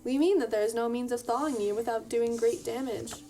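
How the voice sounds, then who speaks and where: Calm, formal unseen beings from the far future, speaking with odd inflections and stiff phrasing, as a woman reads them aloud. The voice sits fairly high. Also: brisk, lightly acted.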